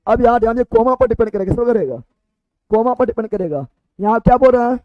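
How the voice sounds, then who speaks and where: A man teaching a lesson at a board. He keeps asking questions and answering them himself, and slows right down to read verse lines. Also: very high voice, expressive, no echo. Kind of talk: blackboard grammar lesson. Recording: dry, dull lo-fi sound.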